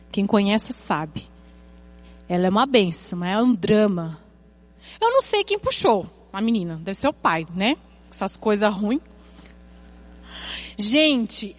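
Mulher pregando com voz animada e aguda. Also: female voice. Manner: animated, humorous storytelling with sudden swings in pitch. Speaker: preacher at a women's gathering. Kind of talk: sermon with personal anecdotes and scripture reading.

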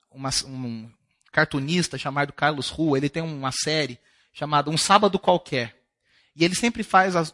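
Man, pastor, high voice, conversational sermon, questions the congregation, church service. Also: fairly bright tone.

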